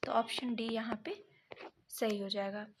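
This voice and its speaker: Fairly high-voiced woman teaching exam prep. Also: steady tone, noisy background. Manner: reads options then corrects them step by step; pauses to check notes mid-sentence.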